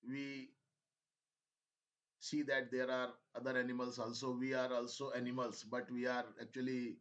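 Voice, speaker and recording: Slow-speaking teacher, man. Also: mid-range voice, fairly bright tone, low-quality recording. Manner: mixes Hindi and English, coaxing and repetitive. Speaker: English teacher. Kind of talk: classroom listening lesson, slow dictation.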